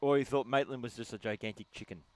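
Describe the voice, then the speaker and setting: A man's voice: mid-range voice, steady tone, fast, darkish tone, no echo. A man co-commentating a live hockey stream, throwing in dry, teasing quips. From Australia.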